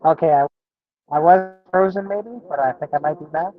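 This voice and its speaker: A man's voice: fairly high pitch, normal speed. A man co-hosting a casual chat over a crackly, breaking-up video call, easygoing and hesitant. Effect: crackly, breaking-up video call audio. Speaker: stream co-host. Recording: dull lo-fi crackly call line.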